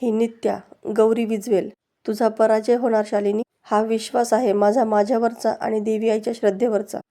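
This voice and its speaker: A woman voicing a frightened young wife who pleads and then defies her accuser, in a flat read. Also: on the high side, moderate pace, natural voice. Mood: defiant. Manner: pleading, defiant.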